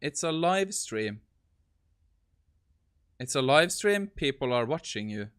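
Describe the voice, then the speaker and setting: A man hosting a live stream, chuckling and sighing at a voice assistant. He talks slowly. His voice is smooth and clear. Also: mid-range voice, big pitch swings, a bit bright. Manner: amused, exasperated, laughing asides. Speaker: tech livestream host. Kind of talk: casual live-stream testing.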